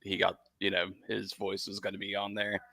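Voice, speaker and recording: Gravelly low guy on a podcast, kinda sharp tone, animated, dry sound. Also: moderate pace, no room sound. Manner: animated, laughs often. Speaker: podcast guest. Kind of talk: casual podcast chat.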